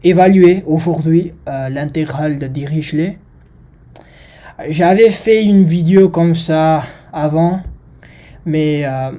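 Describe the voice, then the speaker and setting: A non-native French speaker with a foreign accent gives an informal maths lesson, haltingly searching for words. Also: medium pitch, warm tone. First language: not French. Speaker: maths video presenter.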